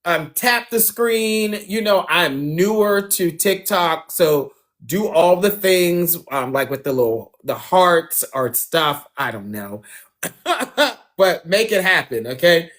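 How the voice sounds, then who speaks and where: A man's voice: sits high, expressive, takes it slowly, fairly bright tone. A man hosting a dating show on a phone livestream, chatting casually, talking straight to viewers and laughing often.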